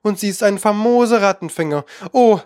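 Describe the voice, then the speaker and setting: A man's voice: high voice, a little fast, darkish tone, no echo, clean studio sound, pitched above the performer's own voice, lightly acted. Man doing a chatty, eager little girl. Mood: eager, coaxing. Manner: eager, coaxing, apologetic. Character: polite, chatty, curious young girl.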